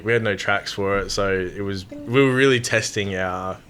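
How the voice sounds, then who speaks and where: A man's voice: lowish voice, normal speed, slight background noise. A man, a band member guest, talking casually and hesitantly with many fillers. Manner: relaxed, hesitant storytelling with fillers. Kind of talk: casual interview chat.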